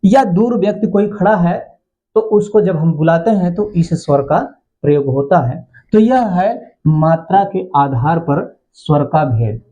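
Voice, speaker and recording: Slow-speaking male grammar teacher, lo-fi. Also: high-pitched, animated, mellow. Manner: repeats phrases and asks the class questions. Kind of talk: classroom lecture. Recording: dull lo-fi sound.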